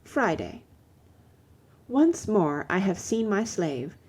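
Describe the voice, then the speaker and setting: A woman reading a classic novel aloud in the first person, measured and expressive. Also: mid-range voice, husky. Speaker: audiobook reader. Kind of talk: first-person literary audiobook narration.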